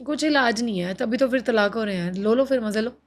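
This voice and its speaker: A woman in her thirties, appearing as an interview guest, speaks with a fairly high, slightly quick voice. She recounts her marriage with emotion, animatedly mixing Hindi and English and acting out what other people said in their voices.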